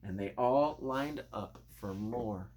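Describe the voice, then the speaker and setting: A man reads a children's storybook aloud in an expressive, playful manner, addressing young listeners directly. His voice is medium-pitched and slow.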